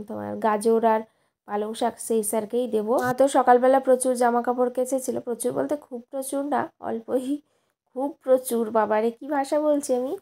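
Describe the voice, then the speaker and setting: Chatty woman with a gravelly voice. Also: a little high, mellow. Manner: chatty, rambling, self-correcting. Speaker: vlogger and schoolteacher. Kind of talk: casual vlog narration.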